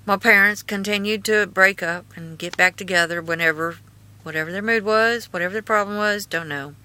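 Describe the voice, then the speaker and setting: A woman with an Appalachian-style hillbilly twang casually reads her own writing aloud with asides, in a halting, folksy, earnest way. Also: mid-range voice, sharp tone, clean tone, low-quality recording. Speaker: video host and author reading own memoir.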